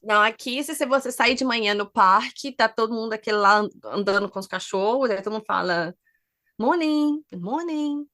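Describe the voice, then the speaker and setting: Bright-voiced woman. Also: medium pitch, fast talker, hardly any pauses. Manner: lively, gives advice and leads topics. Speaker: podcast co-host. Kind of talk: casual chat.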